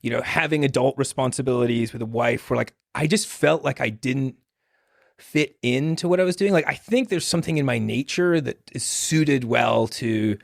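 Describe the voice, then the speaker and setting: A man's voice: medium pitch, moderate pace, gravelly, dry recording, studio quality. A man, born in Scotland and raised in Maine, telling rambling stories as a podcast guest, with frequent restarts and laughter. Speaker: podcast guest, hitchhiker and journalist. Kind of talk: casual conversational storytelling.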